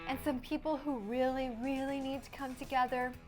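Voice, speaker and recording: Female gossip show co-host, higher pitched, conversational and playful, faint music bed. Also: flat delivery, brisk. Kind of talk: chatty entertainment news banter.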